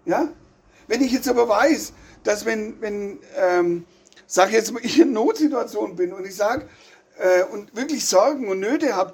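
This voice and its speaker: A man preaching a sermon in an earnest, personal way, pausing often and searching for words. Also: high voice, slightly rough. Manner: earnest, with many pauses and fillers.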